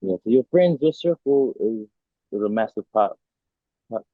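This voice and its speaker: Young man, from new zealand, relaxed with fillers, tinny dry video call audio. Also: fairly low pitch, normal speed, no room sound. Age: young adult. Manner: relaxed, many fillers and restarts. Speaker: rugby player interviewee. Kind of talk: casual interview answers.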